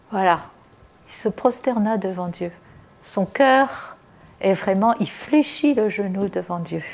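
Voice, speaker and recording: A woman giving an informal sermon, reading scripture and then explaining it in a chatty way full of asides and fillers. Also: medium pitch. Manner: warm, explanatory, addresses the congregation directly. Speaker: preacher.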